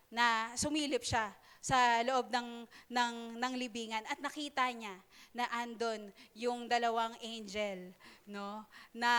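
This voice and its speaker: Young female preacher, high smooth voice, loose conversational delivery with fillers and asides. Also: a bit bright. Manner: conversational, halting, with many fillers and playful asides. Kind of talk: sermon in Taglish.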